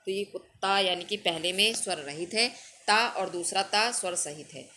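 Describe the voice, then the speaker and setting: A woman teacher talks a class through a grammar lesson, patient and methodical. She explains each point step by step and checks in with the students often. A faint background noise sits under her mid-pitched voice. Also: moderate pace, pushed and bright. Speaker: school Hindi teacher.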